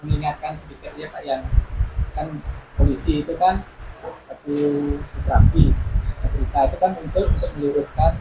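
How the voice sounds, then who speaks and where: A man in the audience speaking up hesitantly, in short halting phrases. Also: on the high side, steady tone, reverberant, heavy background noise. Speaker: audience member.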